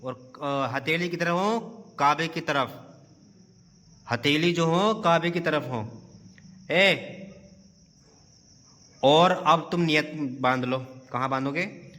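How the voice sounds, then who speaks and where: Bright-voiced man teaching, reverberant room. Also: fairly high pitch, pauses often. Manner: patient, quizzes the pupil step by step. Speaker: madrasa teacher. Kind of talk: teaching children how to pray. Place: madrasa room. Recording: long reverb.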